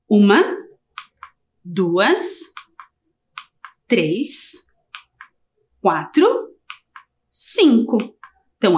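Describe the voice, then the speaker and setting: Slow sing-song Brazilian woman teacher. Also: sits high. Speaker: primary school teacher. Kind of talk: televised lesson for young children.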